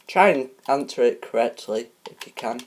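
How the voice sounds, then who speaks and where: A woman hosting a homemade game show parody, reading rules and questions in a halting way with many ums and restarts. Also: very deep voice, animated, a little hiss or hum.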